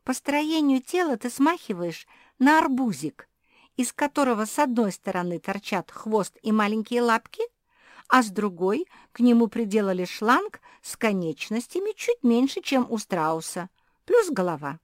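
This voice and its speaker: A woman's voice: fairly high pitch, very animated, moderate pace, dry recording, clean studio sound, pitched above the performer's own voice. A woman voicing a plump, greedy female cat in a storybook reading, blunt and bossy in manner. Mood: lecturing.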